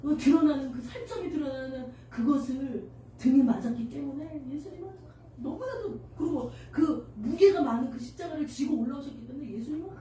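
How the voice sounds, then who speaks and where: Woman pastor, high voice, heartfelt sermon, miked from afar in a reverberant church. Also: a little fast, warm tone, a little hiss or hum. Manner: emotional, tearful at moments, addresses congregation with questions. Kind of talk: sermon to children. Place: church sanctuary. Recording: echoey church hall from far off.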